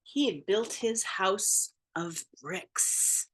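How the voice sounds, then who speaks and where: A woman reading a picture book aloud, narrating in first person as the wolf, playful and theatrical with sound effects and drawn-out words. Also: mid-range voice. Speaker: storybook reader.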